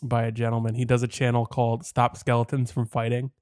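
A man's voice: medium pitch, monotone, a little fast, a little mellow, no echo. Guy co-hosting a podcast, wry and kinda unimpressed, dry close sound. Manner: wry, dismissive of movie remakes. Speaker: podcast co-host. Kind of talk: casual chat.

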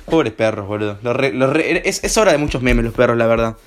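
Slightly hoarse young Argentine man hosting. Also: mid-range voice, lively intonation, brisk. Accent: Argentine Spanish. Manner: rambling, slangy, peppered with filler words. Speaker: host. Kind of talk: casual home-made radio show.

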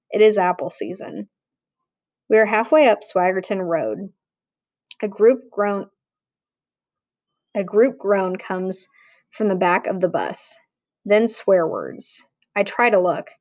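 A woman reading a novel aloud in a plain, measured way, with small restarts. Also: medium pitch, a little mellow, no echo. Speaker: audiobook narrator. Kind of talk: audiobook reading.

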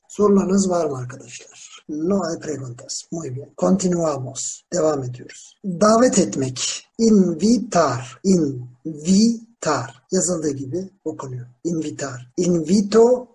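Teacher in a classroom going over spanish vocab slow, spells stuff out with town names, mellow voice, bit of hiss. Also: medium pitch. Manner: drills verb forms slowly and repeats them. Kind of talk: slow classroom language lesson. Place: classroom with students.

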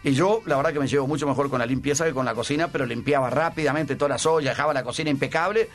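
A man's voice: mid-range voice, racing. An older man with a Rioplatense accent, a former sports broadcaster, telling anecdotes casually in a radio interview and often repeating words as he searches for the next one. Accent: Rioplatense Spanish.

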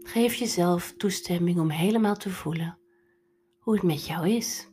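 A woman leading a guided meditation in a soft, breathy, soothing delivery over instrumental music. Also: on the low side, unhurried, a little hiss or hum.

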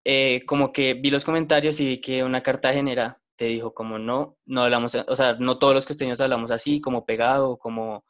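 Hesitant interviewer, mid pitch. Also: steady tone, fairly quick, few pauses. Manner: hesitant, repeats words while asking. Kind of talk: casual interview.

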